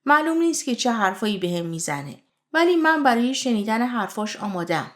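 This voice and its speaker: A woman voicing a composed young mother in a calm, measured manner. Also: a little high.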